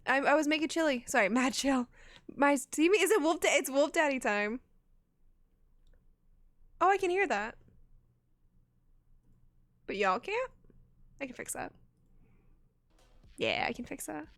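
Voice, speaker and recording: A woman's voice: high-pitched, lively intonation, unhurried, pauses often, a bit bright, no echo. A woman streamer in casual live-stream chat, chatty and self-mocking, laughing often and swearing casually.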